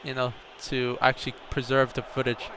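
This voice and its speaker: A young man commentating his own gameplay, telling a story and bursting into excited shouts at the game. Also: mid-range voice, normal speed, a crowd in the background. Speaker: gaming YouTuber.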